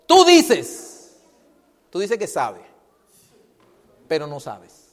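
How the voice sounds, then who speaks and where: A man preaching a sermon on a microphone. He asks rhetorical questions and swings between loud, emphatic lines and hushed ones. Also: high voice, wildly swooping pitch, extremely slow. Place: church hall. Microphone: handheld microphone. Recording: hall with long reverb.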